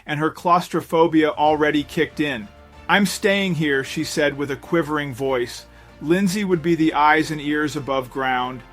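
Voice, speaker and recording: A man reading a scripted story as narrator, in a steady storytelling manner. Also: fairly high pitch. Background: faint background music.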